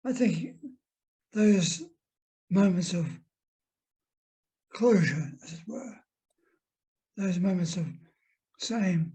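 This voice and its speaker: An older man, a guest minister, talking in a gentle, halting way that trails off into soft asides. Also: sits high, low-quality recording. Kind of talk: reflective conversation.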